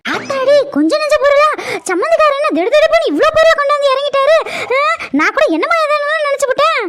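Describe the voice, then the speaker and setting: A woman performing a mother-in-law character in a village family comedy skit, loud and drawling. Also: very high voice, lively intonation, fast, very noisy.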